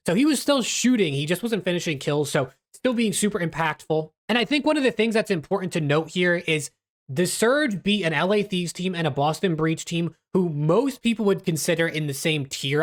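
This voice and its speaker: A man giving casual esports analysis as host of a recap video, speaking a little constrained with stitches in his mouth after dental surgery. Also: a little high. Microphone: webcam video setup.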